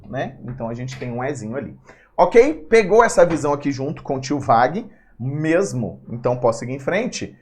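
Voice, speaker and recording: A man teaching an exam-prep grammar lesson, playful and chatty, often talking to himself. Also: medium pitch. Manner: lively, playful, talks to himself.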